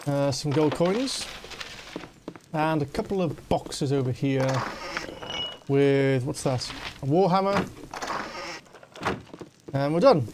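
Brief: high-voiced male gamer, casual play-by-play commentary. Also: slow, long pauses, noisy background. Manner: reads game dialogue aloud, chatty. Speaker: let's play host.

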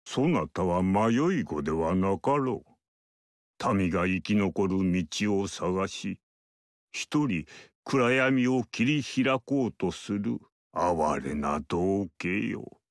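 An ageless mystic sage from a video game speaks in a calm, aloof manner, using measured, archaic and lofty phrasing. His low, unhurried voice is a full character performance of game dialogue, recorded dry and close with no echo.

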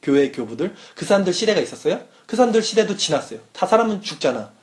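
A man's voice: sits high, sing-song, quick pace, a little mellow. A young man, a youth pastor, giving a casual sermon to students and often checking whether they follow. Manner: casual teaching, asks listeners questions.

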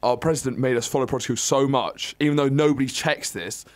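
एक युवा पुरुष होस्ट छात्र रेडियो पर हल्की-फुल्की बातचीत करता है, मज़ाक करता और दूसरों की नकल उतारता है।. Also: male voice, mid-range voice, fast, dry recording. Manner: jokey, banters and mimics others. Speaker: co-host. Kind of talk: casual student radio chat.

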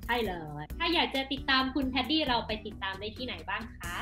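A young Thai woman with a high-pitched, bright voice hosts a casual interview as a language teacher. Her Thai accent carries through, and music plays behind her. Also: animated, quick pace. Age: young adult. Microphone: desk microphone on a video call.

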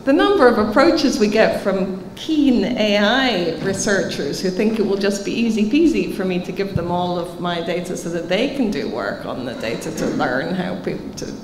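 A woman in her 50s, keynote speaker on a panel, answers conference questions at normal speed with lively intonation and few pauses; her pitch is medium and her manner emphatic and explanatory. The table mic recording has hall reverb, faint ambience and a little hiss or hum.

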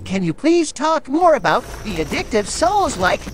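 High ai tts lady reading donations, really lively, little noise behind. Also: normal speed. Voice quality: synthetic AI voice. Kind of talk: social media text-to-speech donation message.

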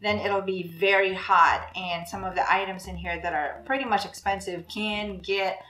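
Bright-voiced, animated woman, roomy sound. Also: mid-range voice, moderate pace. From Philippines. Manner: animated, exclaiming and gesturing. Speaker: reaction video host. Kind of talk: casual reaction commentary. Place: small room indoors at a desk. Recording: roomy echo, faint music behind.

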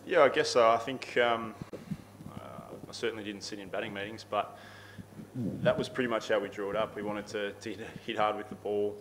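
A man in his thirties with an Australian accent, answering questions at a post-match press conference, steady and repeating words as he thinks. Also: on the low side, normal speed, background noise. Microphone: table microphone.

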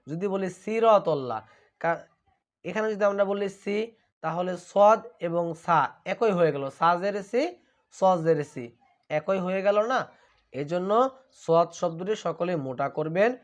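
A man teaching Quran recitation, who draws out each verse slowly and then explains the pronunciation in quicker asides, often calling listeners brother. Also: sits high. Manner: slow drawn-out recitation between brisk explanations; addresses listeners as brother, repeats to drill. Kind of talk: spelling out and reciting verses for learners.

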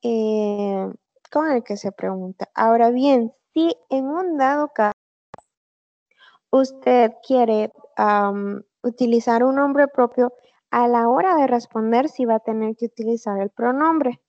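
A woman teaching an online English class, speaking slowly and carefully and repeating example phrases. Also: on the high side, a little mellow, no room sound. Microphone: computer mic on a video call. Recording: slightly dull online class audio.

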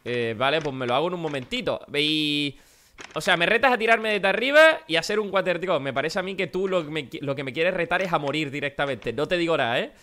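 Excitable young man gaming. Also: on the high side, fast talker. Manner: excitable, joking, shouts during jumps. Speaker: gaming channel host. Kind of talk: excited Minecraft let's play chat.

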